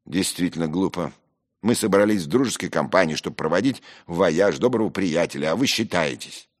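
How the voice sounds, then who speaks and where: A man's voice: low voice, expressive, brisk, pitched above the performer's own voice. A man voicing a blunt young man who speaks rudely and curtly. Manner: curt, rude.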